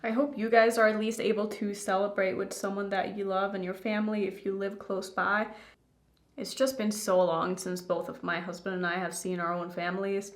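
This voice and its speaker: A woman's voice: mid-range voice, flat delivery, normal speed. A young adult woman rambling candidly to her viewers in a casual makeup vlog. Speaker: beauty YouTuber. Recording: roomy indoor echo.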